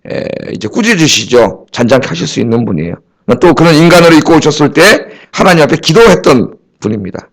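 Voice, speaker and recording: A middle-aged male pastor preaching a sermon, telling stories in an animated way that swings from loud emphasis to hushed asides. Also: on the high side.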